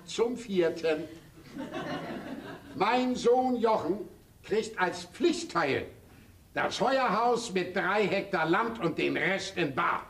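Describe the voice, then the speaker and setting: A sly, stubborn old farmer grandpa, as a man acts him on stage, drawling in a high, lively voice that swoops up and down. The speech is slow and deliberate, picked up from a distance with faint hiss. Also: exaggerated voice. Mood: solemn. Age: older. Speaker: stage actor. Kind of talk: stage comedy acting. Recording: stage play miked from afar, faint hiss.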